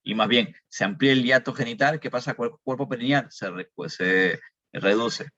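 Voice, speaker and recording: A man's voice: mid-range voice, moderate pace, sharp tone, dry recording. A man teaching a medical class, explaining step by step, asking questions and answering them himself. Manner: explanatory, repeats key numbers, asks and answers own questions. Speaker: medical lecturer. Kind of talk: recorded medical lecture. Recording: dull dry lecture recording.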